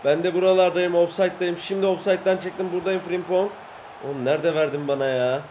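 A man commentating live as he plays a football video game, excitable, shouting and grumbling at his teammates. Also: sits high, fast, a little hiss or hum. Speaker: gaming YouTuber.

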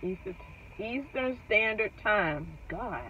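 A woman's voice: mid-range voice, expressive, slow. A woman talks easily to her viewers while still chewing her food, her words a little muffled by the bite. She is sitting in her parked car, and the recording is dull and lo-fi with faint noise underneath. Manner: chatty, addresses viewers as y'all. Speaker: mukbang vlogger. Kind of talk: casual chat to viewers.

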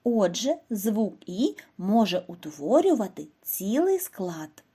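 A woman narrates a lesson for young schoolchildren, talking slowly and clearly and pausing for questions. Her voice is mellow and a little husky, and her pitch moves a lot. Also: very animated. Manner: slow, clear, instructive delivery with questions to children. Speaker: primary school teacher. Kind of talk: scripted lesson narration for first graders.

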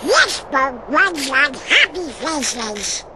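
Bossy cartoon duck, very high, garbled quacking, slow delivery, noisy recording. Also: male voice, very animated, full character voice.

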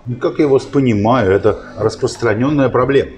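A man's voice: mid-range voice, brisk, darkish tone, a little hiss or hum, natural voice. An actor playing a folksy, fatherly chief doctor with old-fashioned, patronizing bedside patter in a comic ad sketch. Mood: reassuring, avuncular. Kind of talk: scripted comic advertising sketch.

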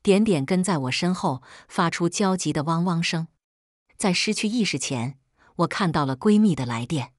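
Husky woman narrating a story. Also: on the low side, dry recording, studio quality. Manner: calm, measured storytelling. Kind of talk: scripted first-person narration.

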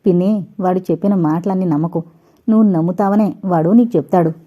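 A woman's voice: fairly low pitch, brisk, mellow, natural voice. Firm sensible young man, read by a woman. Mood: calm. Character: sensible, stern young man, elder brother.

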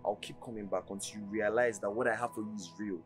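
A man's voice: on the low side, fairly even intonation, fast, soft background music, close to an everyday voice. A man with a Nigerian English accent playing an insistent suitor who pleads for a woman's attention in a film drama. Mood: pleading. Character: persistent male suitor Mister Dennis.

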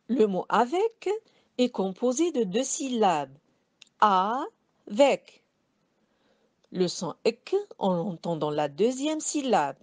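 Slow, lively-voiced woman teaching spelling. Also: a little high, no room sound. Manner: slow, careful syllable-by-syllable spelling aloud; addresses pupils gently and encouragingly. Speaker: primary school teacher. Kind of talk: distance-learning spelling lesson.

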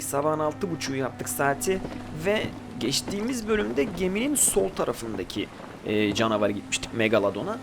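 Brief: male gaming host, slightly raised pitch, loose chatty commentary that talks back at the game, loud game audio underneath. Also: background noise. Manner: chatty, talks to viewers and to the game creatures, swears when startled. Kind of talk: casual gameplay commentary.

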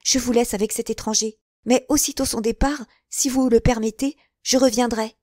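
A woman reader voicing a calm, formal convent mother superior in an audiobook. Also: on the high side, normal speed, dry recording, studio quality, pitched above the performer's own voice, natural voice.

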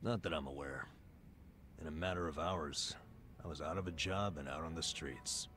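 Game drama role: burned-out middle-aged man, self-loathing, extremely low voice. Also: moderate pace, fairly bright tone, a little hiss or hum. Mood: resigned, explaining. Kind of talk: English video game drama acting.

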